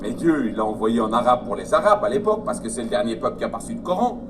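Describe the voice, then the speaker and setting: A man with a mid-range voice talks very fast, his pitch swinging widely as he explains his view. He sounds casual and hesitant, filling his speech with lots of fillers. The mic is distant and picks up ambient noise.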